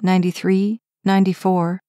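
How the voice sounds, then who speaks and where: In a smooth, studio-quality audiobook reading with no room sound, a woman voices an injured young firefighter, frustrated but gentle, who speaks in a timid, matter-of-fact way. Her delivery is low, dark, level, and at normal speed, plain in mood and only lightly acted.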